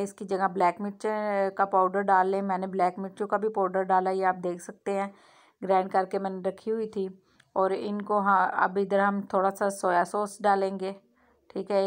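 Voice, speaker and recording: A woman hosting a home cooking vlog, chatting casually as she cooks and often saying "theek hai" and "mashallah". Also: medium pitch. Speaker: cooking channel host. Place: home kitchen.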